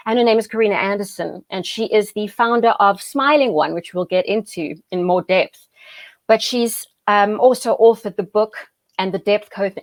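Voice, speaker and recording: A woman's voice: medium pitch, no room sound. A woman hosting an interview, talking enthusiastically and heaping praise on her guest. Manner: gushing, enthusiastic, effusive praise. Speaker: host. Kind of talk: interview conversation.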